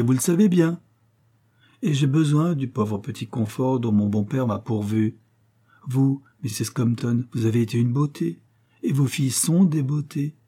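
A man's voice: a little high, warm tone, breathy edge. A man reading aloud, voicing a prim, sly old spinster who refuses to give money.

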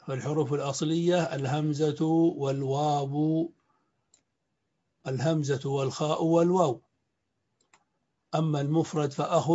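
Brief: male lecturer, somewhat high, mellow voice, measured teaching pace, lo-fi recording. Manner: measured, repeats key points, clears throat. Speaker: sheikh teaching Arabic morphology. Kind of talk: classroom lecture. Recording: dull lo-fi recording.

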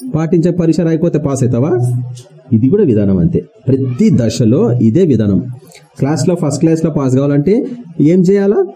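A man's voice: fairly high pitch, sing-song, moderate pace, mellow, soft background music, rough recording. A man preaching a sermon to his congregation, firing rhetorical questions at them and repeating key words for emphasis. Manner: colloquial, mixes in English words.

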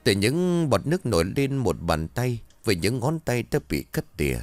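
A man giving a dramatic, expressive scripted ghost story narration. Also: medium pitch, moderate pace, dry recording, soft background music.

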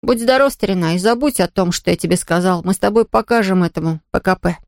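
A woman voicing a stubborn, anxious boy under ten who talks quickly and defensively. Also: lowish voice, creaky, no room sound, clean studio sound.

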